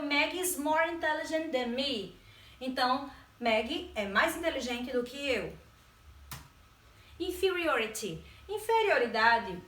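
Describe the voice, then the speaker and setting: High-voiced Brazilian woman teaching in an echoey room. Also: fairly bright tone. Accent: Brazilian Portuguese. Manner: patient, stretches key words, frequent checking "certo?". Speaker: English teacher. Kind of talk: explanatory grammar lesson. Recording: roomy sound from a distance.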